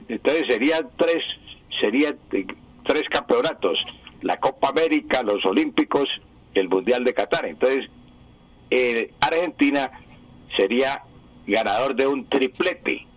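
Husky-voiced Colombian radio teacher. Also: male voice, medium pitch, no echo, poor audio. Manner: slow, repetitive explaining with many fillers. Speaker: radio language teacher answering listeners. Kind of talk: explanatory radio talk.

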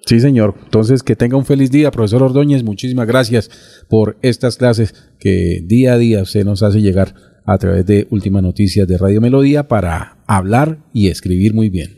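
A radio host with a low, warm, mellow voice. He reads listeners' questions in a polite, formal manner, with frequent hesitations and fillers. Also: moderate pace. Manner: courteous, formal, many fillers. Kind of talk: radio segment hosting.

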